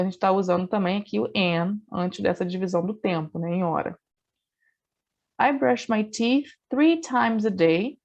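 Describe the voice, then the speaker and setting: In a dull lo-fi recording of an online class, a woman with a medium-pitched, slightly creaky, somewhat mellow voice teaches English grammar step by step. She explains patiently and checks in with the class often, sprinkling in "né?" and "então".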